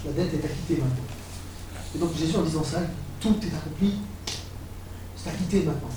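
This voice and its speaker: A man preaching a sermon, animated and building to excited exclamations. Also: a little high, racing, background noise. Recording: echoey hall, voice from far off.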